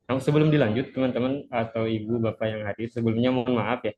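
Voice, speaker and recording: A man's voice: mid-range voice, steady tone, brisk, darkish tone, a little hiss or hum. Muffled young man talking through a mask. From Cianjur, West Java, Indonesia. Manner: speaking through a face mask. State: unwell. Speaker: webinar presenter. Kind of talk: informal online lesson, introductory presentation. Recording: dull, muffled lo-fi webinar audio.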